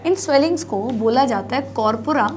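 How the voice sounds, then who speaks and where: A woman's voice: on the high side, animated, moderate pace, a little hiss or hum. A woman teaching biology in a classroom lecture, mixing Hindi with English terms, asking and answering her own questions. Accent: North Indian Hindi.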